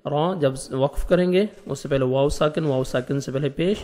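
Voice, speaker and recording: A man teaching Quran reading, explaining each letter step by step and slowly reciting verses in a drawn-out, melodic way. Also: on the high side, dark tone, long reverb tail. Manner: patient, step-by-step letter instruction. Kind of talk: tajweed lesson, slow recitation between explanations.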